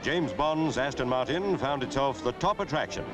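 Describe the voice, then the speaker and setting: A man giving brisk, wry commentary on an old newsreel soundtrack. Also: mid-range voice, expressive. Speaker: newsreel narrator. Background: music.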